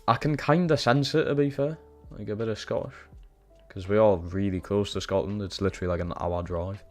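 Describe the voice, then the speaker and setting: A young Geordie man from Newcastle, England streams a football career mode, commentating live and swearing with frustration at every pass. His lowish voice is fairly even, a little fast and slightly mellow, over soft background music.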